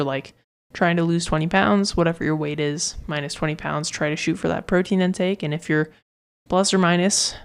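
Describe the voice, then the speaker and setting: A woman fitness coach talks through her solo podcast in a loose, rambling way, full of fillers and restarts. Her voice sits a bit low and has a gravelly, fry-tinged edge. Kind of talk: casual solo podcast talk.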